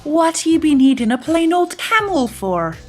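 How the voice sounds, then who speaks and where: Boastful male pirate captain, played by a woman; gruff pirate talk, blustering, slightly raised pitch, distant sound. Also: big pitch swings, unhurried, a little mellow, soft background music.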